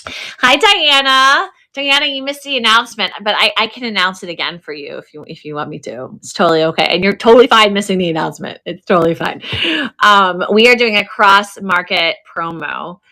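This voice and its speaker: Hosting a live online sale, this woman chats casually and effusively, often repeating words for emphasis. Her medium-pitched voice is fairly quick, bright, and forceful.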